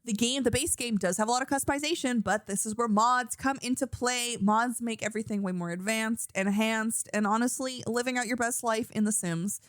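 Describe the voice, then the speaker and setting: A woman's voice: a little high, fairly quick, few pauses, no echo, clean studio sound. A young woman co-hosting a casual podcast chat, bubbly and giggly, peppering her talk with "like". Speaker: podcast co-host.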